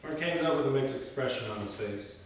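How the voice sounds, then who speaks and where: As narrator of a screenplay read-through, a man reads the scene headings and stage directions aloud in a mid-range voice, going a little fast. He's recorded from far off in an echoey hall, with faint noise.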